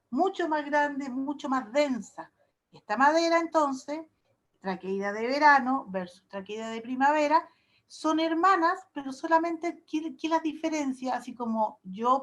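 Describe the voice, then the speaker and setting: Woman, high voice, chatty professor, online lecture, homely examples. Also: fairly bright tone. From Chile. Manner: chatty, explains with homely comparisons and diminutives. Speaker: university professor.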